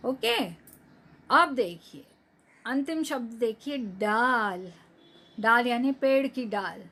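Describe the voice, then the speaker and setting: Woman teacher, somewhat high voice, very slow speech, drawn-out words for children to repeat, recorded class lesson. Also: lively intonation, sharp tone.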